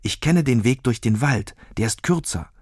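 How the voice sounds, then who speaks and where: A man's voice: mid-range voice, animated, normal speed, darkish tone, slightly rough, no room sound, clean studio sound. A man reading a children's story aloud, voicing an eager, brave young girl who talks in an urgent, insistent way.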